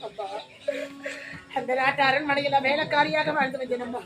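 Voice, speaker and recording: A woman voicing a grief-stricken young pregnant palace maid, lamenting with loud wails in a stage drama. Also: steady tone, normal speed, close to an everyday voice. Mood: wailing grief. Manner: wailing lament, very high voice. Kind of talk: Tamil stage drama acting.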